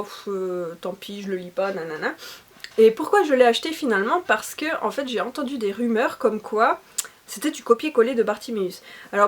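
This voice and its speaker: A woman talking casually and enthusiastically about books she has read, chatty with many hesitations. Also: fairly high pitch. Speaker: book reviewer.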